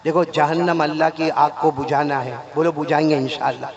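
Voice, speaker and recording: A man preaching with comic stories, animated, calling on the audience to answer back. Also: fairly high pitch, gravelly, muffled recording, crowd noise. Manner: animated, leads call-and-response. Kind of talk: sermon with comic storytelling.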